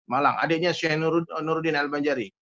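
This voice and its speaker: A man with a Riau Malay accent, a guest musician telling a story in an animated way and often addressing his host. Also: fairly high pitch, fast, lo-fi sound. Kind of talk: storytelling in conversation.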